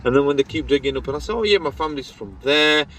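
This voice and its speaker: A man's voice: fairly high pitch, lively intonation, quick pace, a bit bright, poor audio. A man, a podcast guest, speaking earnestly and emphatically in a casual chat. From England.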